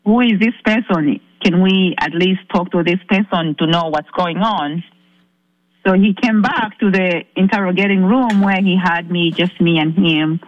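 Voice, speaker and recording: A woman from Zambia calling in to a talk show, earnestly telling her story with halting restarts. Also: lowish voice, dry recording, dull audio. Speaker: caller. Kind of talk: recounting a personal ordeal on a call-in show.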